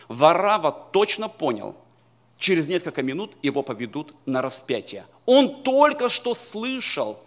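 A middle-aged man preaching a sermon to a church congregation in an emphatic manner that rises to loud exclamations. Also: fairly high pitch. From Slavic Baptist emigrant community in California. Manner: emphatic, rising to loud exclamations, addresses congregation as brothers and sisters. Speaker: pastor. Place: church hall.

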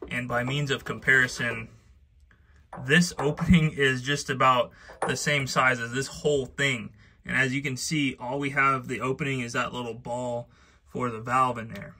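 Bright-voiced man explaining a DIY fix. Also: medium pitch, a little hiss or hum. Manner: relaxed, explanatory, step-by-step. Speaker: DIY HVAC video host. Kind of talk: casual how-to demonstration. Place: basement utility room, indoors.

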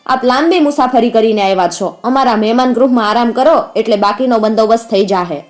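Woman voicing calm wise old merchant. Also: fairly high pitch, lightly acted. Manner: cool, measured speech.

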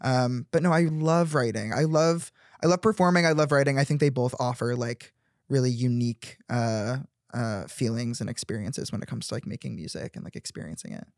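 A man's voice: medium pitch, fairly quick, no room sound, studio quality. Upbeat young man from Chicago suburbs. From Chicago suburbs, USA. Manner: upbeat, chatty, frequent fillers. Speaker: guest musician. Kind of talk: casual chat. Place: small cozy studio set. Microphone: studio mic on boom arm.

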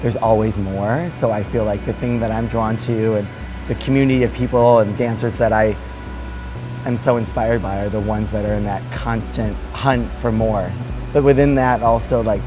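A man's voice: fairly low pitch, fairly even intonation, normal speed, music in the background, poor audio. A man in his thirties, a dance teacher, giving reflective interview answers with many fillers and restarts, recorded on a lapel mic in a large hotel lounge.

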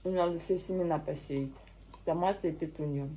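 A woman talks through a mouthful of food, slow and unhurried, with soft murmurs between bites. Her voice sits low and mellow. A faint hiss of noise hangs behind her. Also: fairly even intonation, low-quality recording. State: mouth full. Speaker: mukbang vlogger. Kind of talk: casual eating vlog.

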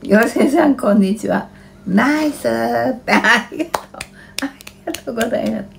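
A woman's voice: a little high, moderate pace, vocal fry, breathy edge. An elderly woman with a rural Kanto dialect, chatting casually on a home livestream, muttering and grumbling in a flustered, plaintive way. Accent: rural Kanto Japanese dialect. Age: elderly, about 80s. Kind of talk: casual livestream chat, muttering and reading out comments. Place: small cluttered home kitchen-dining room, indoors. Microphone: handheld phone close to the face. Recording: faint room noise, handheld phone.

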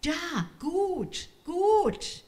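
A woman voicing a small, wary young girl in a high, thin, breathless voice. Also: very animated, slow pace, full character voice. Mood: wondering. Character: small bewildered girl, wide-eyed and wary.

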